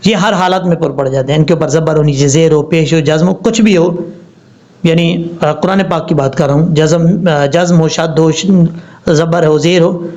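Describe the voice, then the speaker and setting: Man, tajweed teacher, fairly high voice, patient question-and-answer teaching, slightly dull lo-fi recording. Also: fairly even intonation, darkish tone. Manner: patient, repeats and spells out letters, asks and answers his own questions. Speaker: Quran recitation teacher. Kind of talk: tajweed lesson explaining rules step by step.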